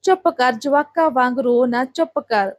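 A woman voicing a calm, fair-minded village husband who reasons with others and turns stern when needed. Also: sits high, normal speed, dry recording, studio quality, natural voice. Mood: reasoning.

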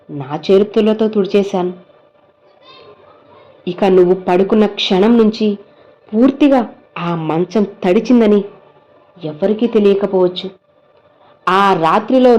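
A woman speaking as a gentle, fatherly male saint who consoles a crying devotee, with tender, coaxing questions. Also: medium pitch, lo-fi sound, lightly acted. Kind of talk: devotional message spoken as the saint.

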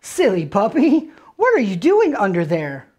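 A man voicing a cheerful little girl in a storybook, with a bright sing-song way of talking. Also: sits high, huge pitch swings, unhurried, husky, full character voice. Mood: calling.

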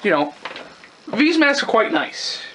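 A young man giving a casual, unscripted review as a collector, rambling and halting, with casual swearing. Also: high-pitched, very animated, pushed and bright, poor audio. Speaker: gas mask collector and reviewer. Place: indoors, close-up tabletop video.

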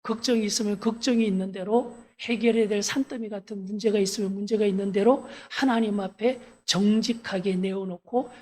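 A woman pastor delivers a sermon at a church service, her voice husky and a little breathy. She talks earnestly and directly to the congregation and leads them through scripture readings aloud. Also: mid-range voice, a little mellow.

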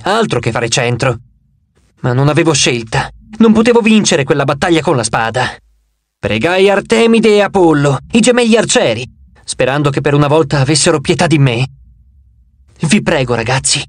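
A man's voice: on the high side, dry recording. A man giving a dramatic first-person reading as an audiobook narrator. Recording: dry close studio voice.

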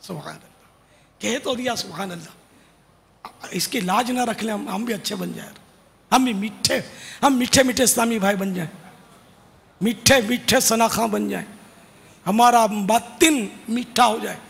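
A man with a high, gravelly voice delivers an earnest, informal sermon to devotional singers, slipping in casual asides as he urges them on. His voice carries a long reverb, as if from a large hall. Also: long pauses. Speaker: religious preacher.

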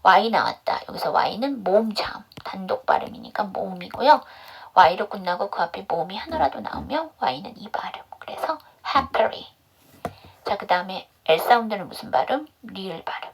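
A woman with a mid-range, creaky, slightly rough voice runs an online class on English pronunciation. Her intonation is lively and her pace moderate as she drills step by step, asking questions and supplying the answers herself.

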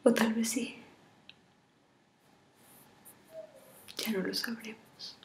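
An actress in her thirties playing a sorrowful woman in a dramatic farewell monologue to her lover, tearful and halting, often breaking into whispers. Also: on the high side, steady tone, natural voice. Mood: subdued sorrow. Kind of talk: dramatic monologue, acted farewell video message. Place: small bare indoor room. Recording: roomy echo of a bare room.

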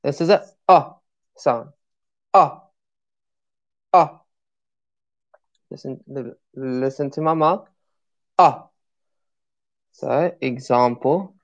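Low-voiced woman teaching vowels on a stream, super slow, sounds out every letter, gets you to repeat. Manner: encouraging, asks viewers to repeat along. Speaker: English pronunciation teacher. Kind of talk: live-streamed phonics lesson.

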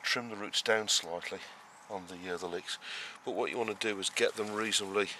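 Brisk and sharp in tone, his fairly low voice staying fairly even, a man hosts an on-camera walkthrough of his vegetable allotment. He rambles as he covers his planting step by step, often restarting and using fillers. The recording is noisy outdoor camera audio set against rural ambience.

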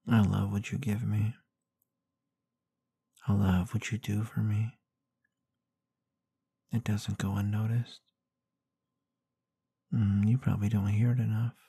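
An ASMR role-play with a man acting as a gently dominant, protective boyfriend at bedtime. His low, husky voice crackles with fry as he murmurs tender reassurance. It is breathy and intimate, right up close in a very dry space. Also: level tone, slow pace, long pauses, dry recording, full character voice. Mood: protective, reassuring. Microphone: close microphone in a dry space.

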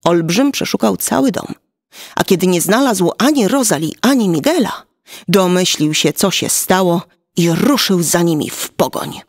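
A woman reading a fairy tale aloud for children, slow and expressive. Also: on the low side, dry recording, clean studio sound. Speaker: storyteller.

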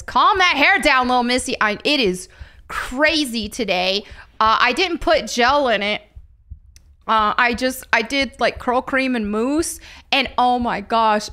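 On her live stream, a young woman reads chat messages out loud and laughs a lot as she talks casually. Her voice is fairly high, pushed, and bright.

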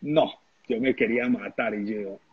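A man, a former footballer telling animated anecdotes in a casual interview, often laughing and acting out the people he quotes. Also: mid-range voice, normal speed, narrow, tinny audio, crowd noise.

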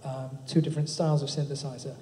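A man's voice: mid-range voice, flat delivery, fast, dark tone. Chatty man in echoey hall. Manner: informal and chatty, with many ums and tag questions. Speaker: speaker presenting a project. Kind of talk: live tech talk. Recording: echoey hall, faint room noise.

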